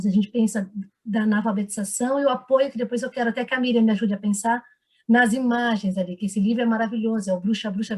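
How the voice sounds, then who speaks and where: A woman, a teacher trainer leading an online seminar who encourages the group and keeps asking them questions. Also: on the high side. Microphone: video call microphone.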